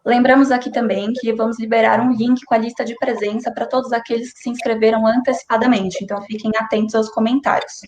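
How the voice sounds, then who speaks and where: A woman with a Brazilian Portuguese accent giving a formal, measured introduction as host of an online lecture. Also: fairly high pitch, little pitch movement, darkish tone. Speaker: event host. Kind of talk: scripted introduction. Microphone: online stream. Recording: echoey room with faint noise.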